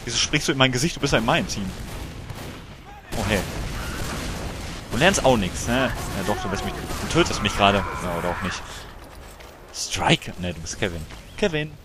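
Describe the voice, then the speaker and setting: A man giving casual let's play commentary, excitable and chatty as he banters with other players. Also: lowish voice, normal speed, pauses often, noisy background.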